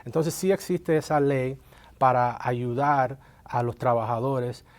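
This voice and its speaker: Speaking a little slowly at medium pitch, this guest is a Colombian-born workers' compensation lawyer who grew up in Miami. He answers interview questions about the law hesitantly, with lots of fillers.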